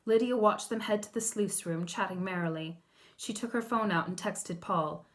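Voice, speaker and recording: Female author-narrator, audiobook reading, measured and expressive. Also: mid-range voice. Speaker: author reading her novel.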